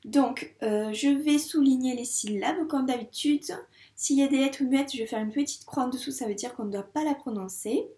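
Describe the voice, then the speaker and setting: Woman, primary teacher, patient, over-articulated, higher voice, slightly distant mic. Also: dark tone, echoey room. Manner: patient, slow, over-articulated sounds for children. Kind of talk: reading lesson for young children.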